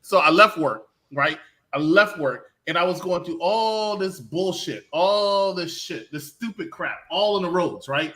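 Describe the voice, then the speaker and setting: Bright loud ranting man. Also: high-pitched, expressive, measured pace. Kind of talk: casual wrestling chat.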